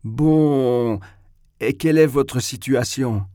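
A man's voice: mid-range voice, slow pace, mellow, dry recording, clean studio sound, close to an everyday voice. A man reading a novel aloud, voicing a smug young man who questions a guest condescendingly and bosses the table. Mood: patronizing. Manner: patronizing, bossy questioning. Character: smug condescending young male host of a dinner. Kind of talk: audiobook character reading.

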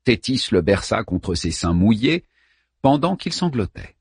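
A man narrating an epic tale in dramatic, expressive audiobook style. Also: fairly low pitch, measured pace, creaky, slightly rough, no room sound, studio quality.

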